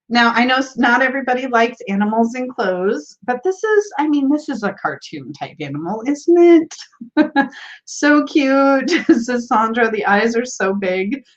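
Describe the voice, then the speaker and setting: A woman's voice: on the high side, lo-fi sound. A woman hosting a tarot livestream, chatting casually, reading viewer comments aloud and laughing often. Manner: giggly and bubbly, laughs often.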